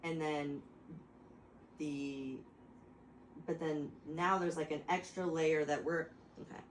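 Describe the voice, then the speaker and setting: A woman's voice: sits low, flat delivery, slow pace, echoey room, a little hiss or hum, poor audio. A woman rambling through a mock lecture to her friends, stopping and restarting and laughing often. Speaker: host explaining to friends. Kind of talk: casual chat, mock lecture.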